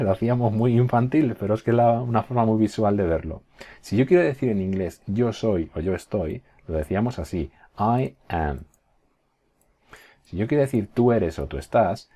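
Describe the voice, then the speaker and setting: Low mellow-voiced male teacher. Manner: patient, slow model phrases with frequent check-ins. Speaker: English teacher. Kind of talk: recorded online class.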